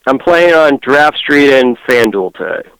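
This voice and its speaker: A man's voice: medium pitch, lively intonation, a little slow, a bit bright, clear, resonant tone, no room sound, rough recording. A man with a Boston accent calling in to a fantasy sports show and answering the host's questions briefly. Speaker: caller. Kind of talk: call-in chat.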